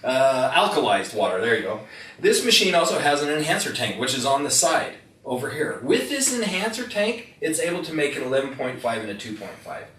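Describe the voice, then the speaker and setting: Lively man telling stories to a crowd. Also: medium pitch, brisk. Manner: storytelling, jokey, asks the audience questions. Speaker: product presenter. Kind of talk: live product demonstration to an audience. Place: room with a live audience. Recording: echoey room, distant mic, faint noise.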